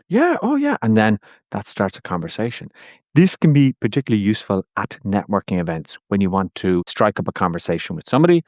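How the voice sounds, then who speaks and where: An Irish man with a lowish voice talks through a quick communication tip like a coach. He tells it casually, full of friendly asides. The recording is dry and a little dull. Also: darkish tone, dry recording. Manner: chatty and anecdotal, with friendly asides. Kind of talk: casual talking-head teaching tip.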